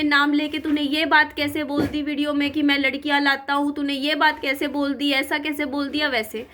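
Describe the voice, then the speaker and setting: Young female vlogger, high sharp voice, indignant storyteller. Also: a little hiss or hum. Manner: animated, indignant retelling with rhetorical questions. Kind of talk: casual storytelling vlog.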